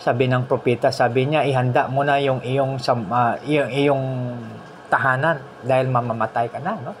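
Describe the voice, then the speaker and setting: Guy preaching, tells stories, voice jumps way up when he quotes people, faint hiss behind. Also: normal speed. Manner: animated storytelling, voice rising high when quoting people; mixes English phrases into the preaching, frequent "no?" tags. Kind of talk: sermon.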